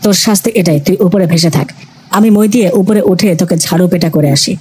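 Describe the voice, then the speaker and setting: A woman's voice: fast, darkish tone, slightly rough. A woman voicing a bossy middle-aged mother who scolds sharply. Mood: scolding. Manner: shrill, scolding.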